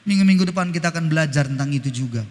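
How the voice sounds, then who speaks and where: A male pastor preaching an animated, teasing sermon, breaking into snatches of hymns. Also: a little high, rapid-fire. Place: church. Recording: church hall reverb.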